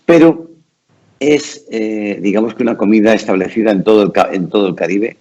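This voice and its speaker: A man's voice: fairly low pitch, fairly quick, dark tone, dull audio. A man hosting a conversational interview in a courteous, formal and wordy way. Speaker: interview host.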